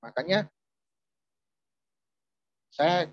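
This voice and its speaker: Man, preacher, conversational sermon, fairly high voice, dull lo-fi recording. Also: expressive, very slow, dry recording. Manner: chatty, addresses audience often, restarts phrases.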